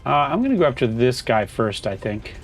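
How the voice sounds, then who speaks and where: A man's voice: mid-range voice, sing-song, fairly quick, soft background music. A man casually commenting on his own gameplay, chatting to himself as he plays. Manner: chatty, talks to himself while playing. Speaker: gaming streamer.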